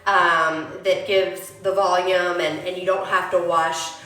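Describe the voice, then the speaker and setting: This young beauty vlogger has a low-leaning, bright voice with a forceful tone, little pitch movement, and a measured pace. Sniffling from a cold, she chats through a hair-care tutorial and calls her audience y'all, in an echoey, roomy home recording.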